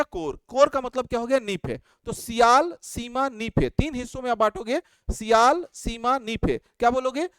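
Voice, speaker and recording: High-voiced man teaching at a board. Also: clear, resonant tone, dry recording. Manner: asks questions and answers them himself; repeats key terms drill-style. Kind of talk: whiteboard lecture.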